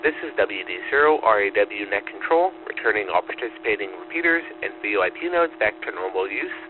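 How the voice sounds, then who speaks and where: Male net control operator, formal and steady, on a narrow radio transmission with clear static. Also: lowish voice, a little fast. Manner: steady formal call-and-acknowledge phrasing. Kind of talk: ham radio net check-ins. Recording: tinny radio line with static.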